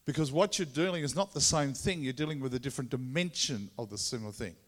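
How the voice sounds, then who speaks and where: A man with a Tasmanian Australian accent gives an informal sermon as a visiting preacher, halting and conversational, often repeating his words. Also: mid-range voice. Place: large room or hall, speaking to a congregation. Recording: echoey hall with long reverb.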